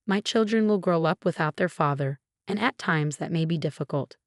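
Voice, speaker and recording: A woman tells a first-person story in a scripted narration. Her voice sits low and stays even throughout. The sound is close and dry, with no room around it. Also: normal speed, no room sound.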